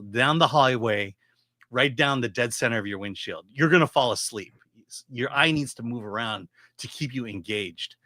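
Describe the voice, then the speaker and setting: A middle-aged man giving casual movie commentary as a reviewer, explaining his opinions in a halting, opinionated way. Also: mid-range voice, sharp tone, no room sound. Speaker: film reviewer.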